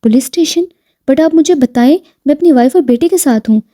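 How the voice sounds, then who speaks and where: A woman's voice: high-pitched, mellow, lightly acted. Woman reading a teasing devoted husband. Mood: insistent. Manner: teasing and tender, then firm when arrested. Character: devoted affectionate husband, teasing, wealthy businessman.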